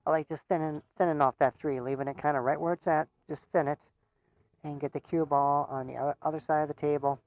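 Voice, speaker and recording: A man's voice: a little high, steady tone, fast talker, darkish tone, dry recording, lo-fi sound. A man giving casual live commentary on a pool match. He chats, laughs often, and stumbles over repeated words.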